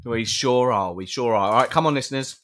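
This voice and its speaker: A man's voice: mid-range voice, a little fast, fairly bright tone. A British man co-hosting a live podcast, chatting casually and playfully with listeners, often restarting his sentences. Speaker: podcast co-host.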